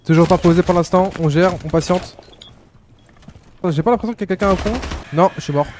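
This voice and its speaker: A man giving excitable, slangy live commentary to his viewers while playing a shooter game. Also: high voice, fairly quick, a little hiss or hum. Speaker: gaming YouTuber.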